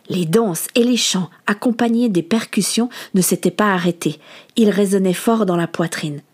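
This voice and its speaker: Calm woman narrating a novel. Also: mid-range voice. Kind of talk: audiobook narration.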